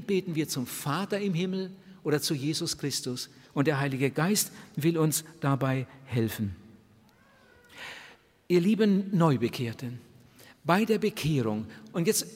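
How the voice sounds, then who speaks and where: A man's voice: on the high side, a little mellow. An older man preaching a sermon to new converts, speaking earnestly and voicing the prayers he quotes. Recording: reverberant hall, somewhat husky sound.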